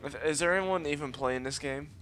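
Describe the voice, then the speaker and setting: A let's play host talks a little fast in a slightly high voice over soft background music. His excitable live gameplay commentary mixes boasting and cocky trash talk with frequent swearing and yelps at mishaps.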